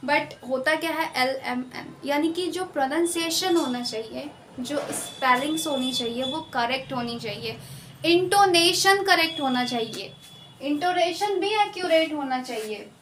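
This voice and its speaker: A woman teacher with an Indian accent, giving an exam-prep lecture and slowly explaining key terms, repeating them and mixing in English words. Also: high-pitched, lively intonation, reverberant, background noise.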